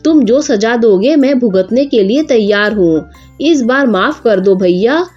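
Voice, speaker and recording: Woman playing a whiny village thief man, pleading, slow, storybook voice. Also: fairly high pitch, lively intonation, darkish tone, lo-fi sound, soft background music. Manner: pleading and whining.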